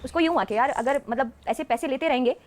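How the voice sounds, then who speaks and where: A woman's voice: high voice, quick pace. A woman, a stage dancer, telling stories as a podcast guest and often laughing mid-sentence. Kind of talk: casual storytelling interview.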